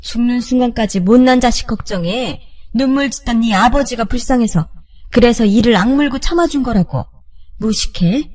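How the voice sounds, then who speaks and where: A woman's voice: a little high, normal speed, a little mellow, natural voice. A woman playing a bitter, defiant older mother. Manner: scolding, cold contempt.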